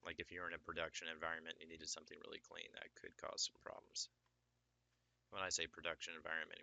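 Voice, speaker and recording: Deep-voiced, crisp man teaching software. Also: dry recording. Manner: casual, explanatory, many fillers. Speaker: 3D sculpting instructor. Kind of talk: screen-recorded software tutorial.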